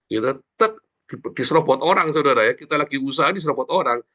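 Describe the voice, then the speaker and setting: A man pastor giving an informal, animated morning sermon, often turning to the congregation directly. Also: medium pitch, fast, dull audio. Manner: animated, informal preaching that often addresses listeners as brothers and sisters.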